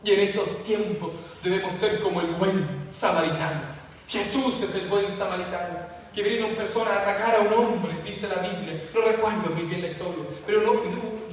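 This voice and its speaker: A male pastor preaching a fervent sermon, repeating phrases as his emphasis builds, heard in a church hall. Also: high voice. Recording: echoey hall from far off, faint noise.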